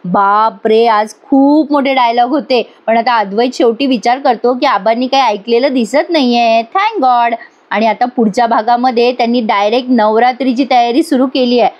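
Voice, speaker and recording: High-voiced woman recapping a TV serial. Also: normal speed. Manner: storytelling, addresses viewers directly. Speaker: TV serial reviewer. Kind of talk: voice-over episode recap. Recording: dull lo-fi recording.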